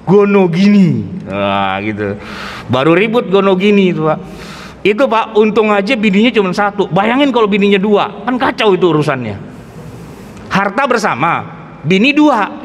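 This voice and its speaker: Male ustadz, high voice, joking mosque lecture, echoing hall. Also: a bit bright. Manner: joking, acts out quoted voices, colloquial asides. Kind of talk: humorous religious lecture. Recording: reverberant hall, faint ambient noise.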